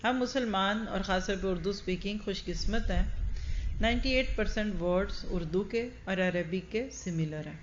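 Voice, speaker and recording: An earnest woman preaches to a crowded hall and keeps putting questions straight to her listeners. The recording sounds dull and lo-fi, with a faint hiss underneath. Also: mid-range voice. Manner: earnest, direct, addresses the audience with questions. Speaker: Quran teacher. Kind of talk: religious lecture to a live audience. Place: large gathering hall.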